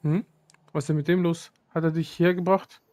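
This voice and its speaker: A man's voice: fairly high pitch, little pitch movement, fairly quick, a little mellow, dry recording, close to an everyday voice. A man reading aloud the lines of a woman who looks after young saurians. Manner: reads game lines aloud, with slips.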